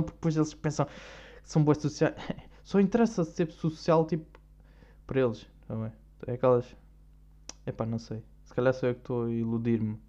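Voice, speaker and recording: This podcast host is a young man who speaks with a European Portuguese accent, his voice a little high with a dark tone. He rambles casually, packing his monologue with slang, captured on a dull lo-fi recording.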